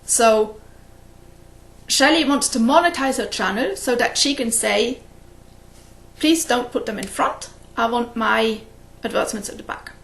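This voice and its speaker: Her voice is a little high and her pace measured. As a native English-speaking flosstube host, she chats casually to the camera in a cross-stitch video, rambling and frequently laughing at her own stories.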